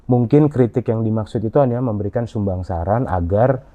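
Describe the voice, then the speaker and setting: A man answering interview questions in a halting way, with frequent fillers and restarts. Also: on the low side, dark tone. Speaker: interview guest. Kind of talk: conversational interview. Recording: dull lo-fi audio.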